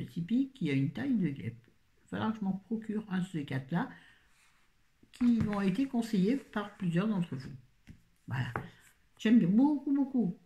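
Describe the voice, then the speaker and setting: A woman's voice: low-pitched, a little mellow. Chatty woman reviewing books. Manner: chatty, rambling, self-correcting, jokey asides. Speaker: book reviewer. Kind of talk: casual book review chat.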